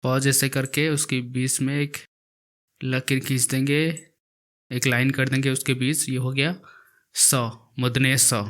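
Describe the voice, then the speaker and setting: A man's voice: medium pitch, completely flat delivery, fairly bright tone. A man teaching an alphabet lesson, saying each letter twice and explaining how to write it. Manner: repeats each letter slowly while writing it. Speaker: language teacher. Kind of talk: slow alphabet lesson with repetition.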